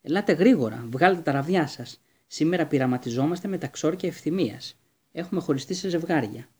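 A man voicing a tiny, brisk, disapproving professor in a storybook reading, giving scolding instructions. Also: on the high side, animated, darkish tone, husky.

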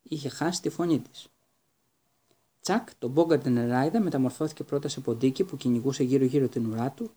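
A man narrating an audiobook in a steady, even storytelling read. His voice is dark and mellow, with a husky edge to it. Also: medium pitch.

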